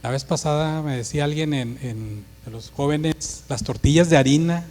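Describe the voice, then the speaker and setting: A man's voice: a little high, normal speed, darkish tone. A male pastor with a northern Mexican Monterrey accent, preaching emphatically and acting out dialogue with force. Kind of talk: sermon. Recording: long hall reverb.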